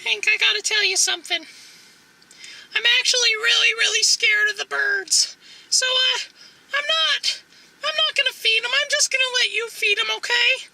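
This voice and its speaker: A performer with a woman-sounding, squeaky voice voicing a small, timid but cheerful monkey puppet who hosts a children's show with kids party magician patter. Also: fairly even intonation, moderate pace, gravelly, sharp tone, full character voice, poor audio. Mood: scared.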